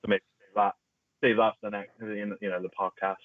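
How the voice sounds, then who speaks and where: Give me a young man with a lower voice, heard over a thin, phone-like call with a bad connection, chatting and rambling casually. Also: level tone, fast. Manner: rambling, laughs easily, restarts words. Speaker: podcast co-host. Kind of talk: casual chat among friends. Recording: tinny phone-like call audio, dry.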